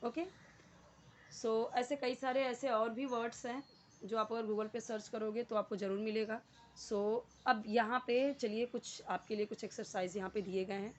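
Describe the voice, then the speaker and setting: A woman's voice: on the high side, steady tone, normal speed. A woman English teacher, patiently explaining grammar step by step, repeating words and asking the viewer questions. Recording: dull lo-fi sound.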